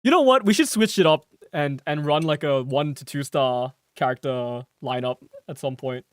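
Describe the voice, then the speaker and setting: A man's voice: fairly high pitch, moderate pace, clean tone, no room sound, clean studio sound. A young man streaming a game, chatting casually and rambling, swearing freely and laughing at himself. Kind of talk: casual gameplay stream chat.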